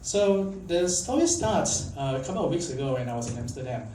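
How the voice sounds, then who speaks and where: A young man from Malaysia gives an informal talk at a tech conference in a warm, expressive, mid-range voice at a brisk pace. His delivery is conversational and packed with fillers, and he often asks the audience things. The audio comes from a distant mic in an echoey hall with faint background noise.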